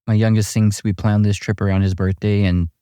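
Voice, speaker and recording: Relaxed middle-aged man, low mellow voice. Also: fairly quick, smooth, no room sound. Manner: relaxed storytelling with many fillers and restarts. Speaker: amateur golfer guest. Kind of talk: casual chat.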